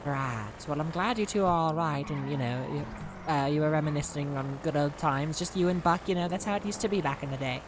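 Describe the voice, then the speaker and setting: A woman with a low voice talks in character during a roleplay game. She rambles in a friendly way and hesitates often, with a faint hiss behind her. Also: brisk. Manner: chatty, hesitant with fillers. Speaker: roleplay streamer.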